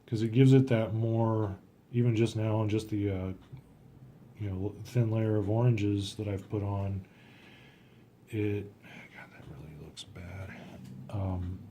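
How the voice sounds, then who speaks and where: A man with a fairly low, warm and mellow voice explains his watercolor process while he works. He thinks aloud in a hesitant, low-key way and often trails off mid-sentence. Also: steady tone, takes it slowly, long pauses, a little hiss or hum. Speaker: watercolor artist. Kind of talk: casual painting demonstration.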